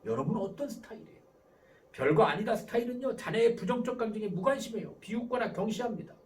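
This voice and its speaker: Man lecturing parents, high voice, swoops up and down a lot, mic kinda far off. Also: fast talker. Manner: animated, acts out example dialogues. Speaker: professor giving a parenting lecture. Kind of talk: lively lecture.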